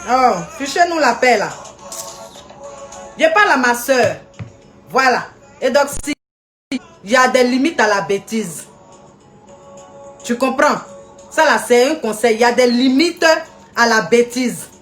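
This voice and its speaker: High-voiced woman scolding on a live stream. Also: lively intonation, measured pace, pauses often, soft background music. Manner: scolding, indignant, greeting viewers by name. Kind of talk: live video rant.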